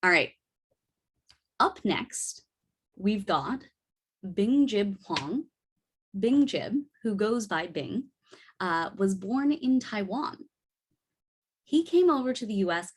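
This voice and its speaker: A woman's voice: medium pitch, sing-song, takes it slowly, long pauses, husky. A woman emceeing a talent show in a cheerful, upbeat way and introducing the next act. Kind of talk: event hosting.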